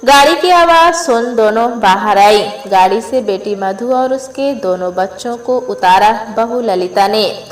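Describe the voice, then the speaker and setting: A woman narrating a family drama in a measured, unhurried manner. Her voice sits fairly high and the pace is very slow. The recording has a noticeable roomy echo. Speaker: storyteller. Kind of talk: scripted story narration. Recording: echoey room.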